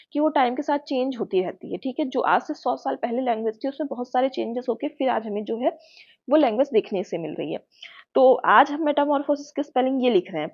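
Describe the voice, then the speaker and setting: A teacher with an Indian accent gives an exam-prep lecture, explaining patiently and checking in with her students often. Her voice is a little high and a little mellow. The recording has a muffled, lo-fi sound.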